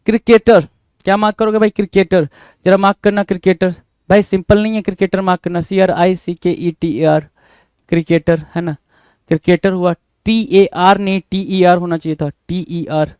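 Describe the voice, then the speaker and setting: A man's voice: a little high, darkish tone, clean tone, no echo. A male English teacher giving an exam-prep spelling lesson. He repeats each word, spells it out letter by letter, and keeps calling his students "bhai.". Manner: repeats words and spells them out letter by letter, addresses viewers as "bhai".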